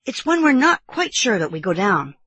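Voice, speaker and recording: A woman's voice: medium pitch, big pitch swings, normal speed, a bit bright, husky, no echo, highs cut off, voice pushed up. A woman playing a grave, insistent young English boy with secrets, in a storybook reading. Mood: matter-of-fact.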